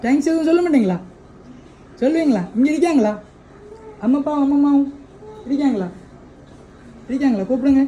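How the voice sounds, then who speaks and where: A woman's voice: sits high, a little fast, long pauses, dark tone, a little hiss or hum, poor audio. A woman hosting a birthday surprise delivery, coaxing a child with repeated questions.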